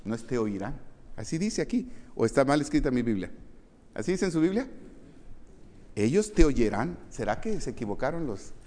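A man preaching a sermon to a congregation in a church hall, lively and joking with his listeners as he reads scripture. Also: medium pitch, fairly quick. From foreign-born, moved to Mexico. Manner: animated, jokes with the congregation. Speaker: pastor. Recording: long hall reverb.

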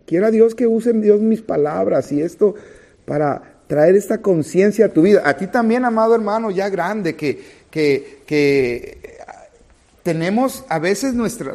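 High-voiced man preaching a sermon. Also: measured pace. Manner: animated preaching, acts out little scenes, addresses congregation directly. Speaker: pastor.

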